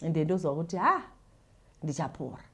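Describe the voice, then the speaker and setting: This host has a deep, husky voice with big pitch swings and a normal speed, plus a Zimbabwean accent. Reading confessions sent in by listeners, she gives advice casually, repeating words and acting out the retellings.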